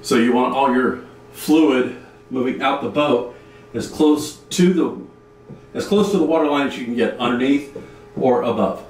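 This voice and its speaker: A man's voice: medium pitch, normal speed, roomy sound, distant mic, slight background noise, low-quality recording. Man explaining boat work from afar. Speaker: boat owner doing refit work. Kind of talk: casual explaining while working. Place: inside a boat under refit.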